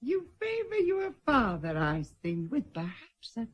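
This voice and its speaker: A woman's voice: on the high side, wildly swooping pitch, unhurried, slightly rough, full character voice. An actress in a radio drama playing a vain, coarse, boozy aristocratic lady with a gushing, blowsy manner. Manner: gushing, blowsy, swinging from grand to vulgar.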